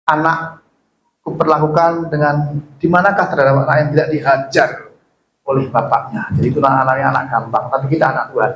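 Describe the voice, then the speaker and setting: A man's voice: a little high, fairly even intonation, quick pace, a bit bright, slight background noise. A man preaching a sermon as pastor, joking and putting questions to his congregation. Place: church hall. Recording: echoey church hall.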